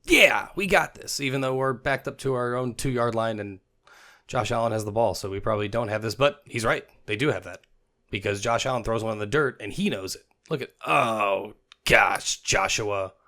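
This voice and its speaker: A young man narrating football clips as a comic voice-over host, joking and dropping into quick silly voices for the players. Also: on the low side, pushed and bright. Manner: jokey, puts on players' voices in quick asides.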